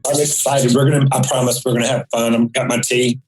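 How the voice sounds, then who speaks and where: A man's voice: medium pitch, fast talker, soft background music, poor audio. Man telling a folksy story. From rural North Carolina. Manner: animated storyteller, folksy phrasing. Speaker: psychic guest. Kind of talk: storytelling interview.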